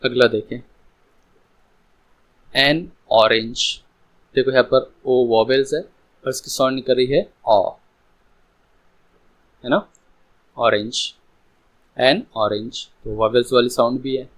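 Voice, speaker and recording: Male grammar teacher, unhurried, patient, repeats examples, checks understanding. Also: mid-range voice, steady tone, rough recording. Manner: explains slowly, repeating examples and asking "है ना". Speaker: English teacher. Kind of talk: grammar lesson.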